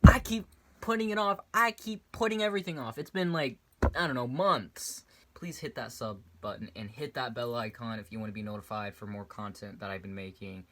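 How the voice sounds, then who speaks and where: A mid-range, brisk voice belongs to a young man doing a casual VR headset review for YouTube. He rambles, repeatedly restarting his sentences and straying off topic.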